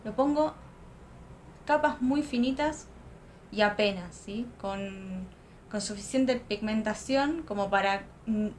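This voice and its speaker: A woman's voice: mid-range voice, slow, darkish tone, a little hiss or hum. A young woman, chatting casually through a makeup tutorial at home and thinking aloud. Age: young adult. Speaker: makeup vlogger. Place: home room, close to a lamp.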